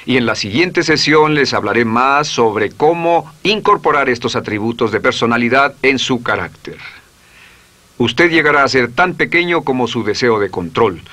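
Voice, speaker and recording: Bright-voiced man narrating a self-help lesson. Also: medium pitch, lively intonation, moderate pace. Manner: instructive, repeats affirmations aloud. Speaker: course narrator.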